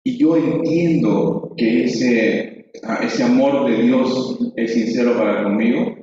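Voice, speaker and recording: A man's voice: medium pitch, slow, crowd noise. Man preaching, distant mic, echoey church hall, dull sound. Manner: conversational, acts out children's voices. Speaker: Sunday school preacher. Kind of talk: church teaching.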